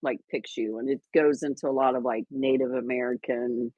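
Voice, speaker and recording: A woman's voice: rumbling low, fairly even intonation, moderate pace, slightly rough, dry recording, dull audio. A woman co-hosting a casual livestream, chatty and rambling with lots of fillers and restarts. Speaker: livestream co-host.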